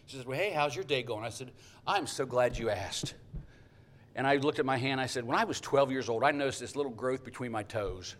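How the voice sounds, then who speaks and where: A middle-aged man preaching in a folksy, storytelling way. His voice sits at a mid pitch, and he slips in jokey asides between points. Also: brisk, fairly bright tone. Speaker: pastor. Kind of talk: sermon.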